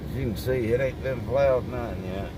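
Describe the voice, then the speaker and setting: A man with an Appalachian accent, folksy and plain-spoken, giving casual running commentary as he drives. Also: normal speed. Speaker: vlogger. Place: outdoors and in a moving car on a snowy road. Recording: noisy car and outdoor rumble. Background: loud vehicle and outdoor noise.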